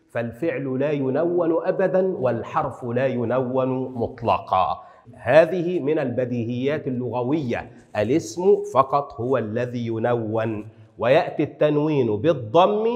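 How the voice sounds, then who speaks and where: A man's voice: medium pitch, darkish tone, big-room sound. A man teaching a lesson on writing rules, asking his own questions and answering them, drawing out the example words with strong emphasis. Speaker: Arabic writing instructor.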